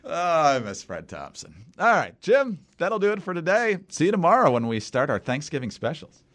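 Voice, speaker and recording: A man's voice: on the high side, very animated, normal speed, fairly bright tone. A man hosting a political podcast, reading news items and bantering with his co-host. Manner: bantering, reads news aloud. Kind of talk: casual political chat.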